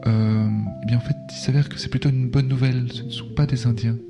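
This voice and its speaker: A man's voice: mid-range voice, steady tone, fairly quick, music in the background, lightly acted. A man playing a naive, evasive crewman in a comic audio drama, mild and a little hesitant. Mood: oblivious, mild. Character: cheerfully oblivious, evasive crewman calling by radio.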